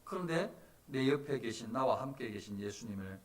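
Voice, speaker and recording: A man preaching a sermon as pastor, animated, moving from soft talk to loud cries. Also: mid-range voice, a little fast, distant mic. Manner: animated, swings from soft to shouting. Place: church sanctuary.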